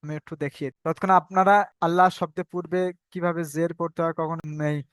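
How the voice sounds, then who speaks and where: A man teaching Quran recitation in an online class, patiently repeating rules and spelling out sounds slowly. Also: a little high, flat delivery, smooth, no room sound. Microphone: video call.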